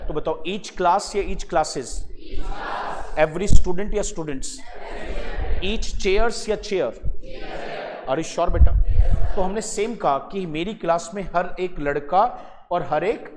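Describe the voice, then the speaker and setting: A man's voice: high voice, measured pace, long pauses. A man teaching English grammar to a live class, coaxing students and quizzing them by name. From Haryana, India. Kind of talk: classroom lesson. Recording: echoey classroom hall with steady background noise.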